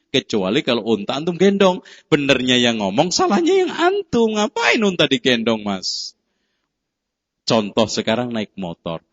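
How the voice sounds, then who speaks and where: Animated preacher man, lo-fi recording. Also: unhurried. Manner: animated storytelling, jumping between high exclamations and low asides. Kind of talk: sermon with acted-out anecdotes. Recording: dull lo-fi lecture recording.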